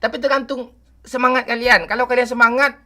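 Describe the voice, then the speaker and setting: On a nighttime game livestream from his home, a man in his forties jokes around with the chat, greets viewers by name, and teases them. His voice is very high-pitched with little pitch movement and a brisk pace, and background noise can be heard.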